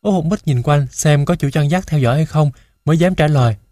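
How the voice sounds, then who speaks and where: A man reading a first-person children's story aloud in a steady, measured way into a close mic. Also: a little high, no room sound. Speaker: audiobook narrator.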